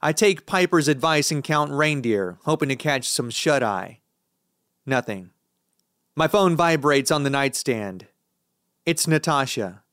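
A man's voice: on the high side, animated, a little slow, fairly bright tone, no echo, clean studio sound. A man reading a first-person novel aloud in a wry, sardonic tone. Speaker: audiobook narrator. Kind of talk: first-person scripted narration.

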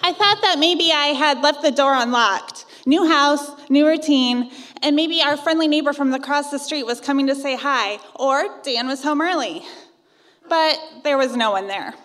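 A woman's voice: high-pitched, normal speed, fairly bright tone, long reverb tail. A woman in her thirties from Iowa, narrating a personal ghost story in a wry, conversational way. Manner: wry, conversational, self-teasing.

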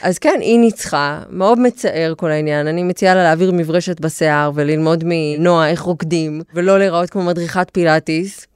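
Clear-voiced Israeli woman, playful host. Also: lowish voice, few pauses, a little mellow, dry recording, studio quality. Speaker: talk show host. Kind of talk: casual bantering chat.

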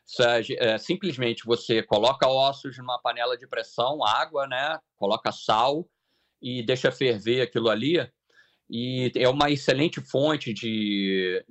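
A man, an endurance runner answering interview questions in a relaxed, hesitant way, often repeating words. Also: mid-range voice. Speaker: ultramarathon runner.

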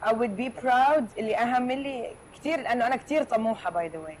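A woman's voice: on the high side, fairly quick, darkish tone, a little hiss or hum, low-quality recording. A woman in her thirties with a Levantine Arabic accent, giving reflective, casual interview answers mixed with English. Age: 30s. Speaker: podcast guest.

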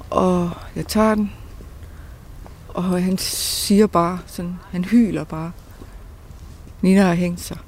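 A man recounting a painful memory in a halting way, often repeating words and restarting sentences. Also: high voice, slight background noise. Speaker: interviewee. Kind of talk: personal testimony.

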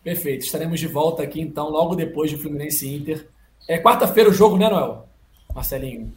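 A man's voice: fairly high pitch, quick pace, a little mellow. A Brazilian man hosting a football podcast in a casual, conversational style. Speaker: podcast host. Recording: roomy echo, faint background noise.

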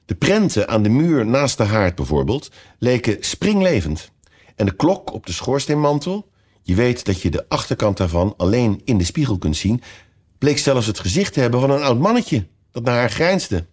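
A man reading a children's storybook aloud with lively, expressive narration. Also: medium pitch, moderate pace. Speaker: audiobook reader.

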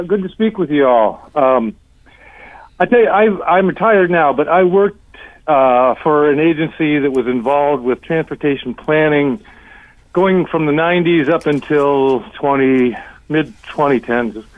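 A man's voice: on the high side, a little slow, dry recording. An older man calling in to a radio show over a phone line, blunt and exasperated. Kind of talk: call-in comment on a talk show.

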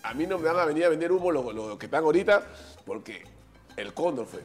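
Joking Peruvian podcast host. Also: male voice, on the high side, quick pace, faint music behind. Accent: Peruvian Spanish. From Peru. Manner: lively, joking, laughs often. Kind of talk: casual chat.

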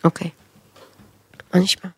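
A woman co-hosting a podcast, talking frankly in casual chat, mocking herself and launching into animated rants. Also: no echo, clean studio sound. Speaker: podcast co-host. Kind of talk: candid conversational podcast chat.

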